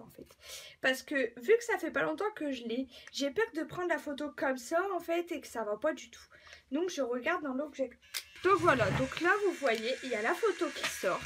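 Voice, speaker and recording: A young woman with a high voice shows off a gadget in a chatty home vlog. She talks in a hesitant way, full of fillers and restarts. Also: fairly bright tone. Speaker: beauty vlogger. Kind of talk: casual product demo.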